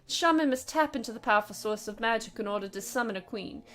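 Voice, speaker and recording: A woman reading the lines of a stern, formal male aide in a game, in a measured, lecturing way. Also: fairly high pitch, animated, fairly bright tone. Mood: grave. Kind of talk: reading game dialogue aloud.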